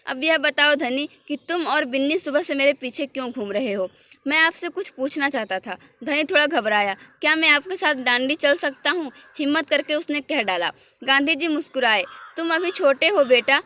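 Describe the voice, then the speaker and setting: A woman's voice: high voice, sharp tone, no echo. A woman teacher reading a textbook story aloud for exam preparation, lightly voicing the characters.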